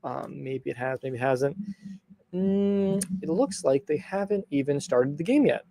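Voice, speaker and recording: A young man from hosting a sports podcast, recapping a hockey game in a rambling, excitable way with lots of fillers. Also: on the high side, measured pace, creaky, no echo. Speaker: podcast host. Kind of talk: casual sports recap monologue.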